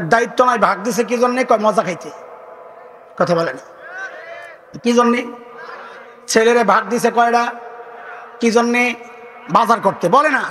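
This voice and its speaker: A man's voice: very high voice, pushed and bright, big-room sound, a little hiss or hum. A man preaching a waz sermon, quizzing the crowd call-and-response style and acting out little scenes in different voices.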